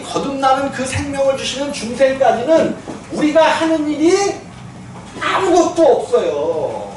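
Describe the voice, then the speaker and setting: A male pastor giving a conversational sermon, asking his listeners questions and laughing now and then. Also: very high-pitched. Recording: echoey church hall from far off, faint noise.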